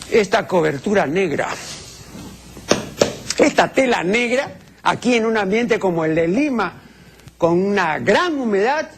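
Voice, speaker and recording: A man's voice: high-pitched, slight background noise. An older man, answering viewers' language questions on a TV segment in a strict, pedantic way with many hesitations.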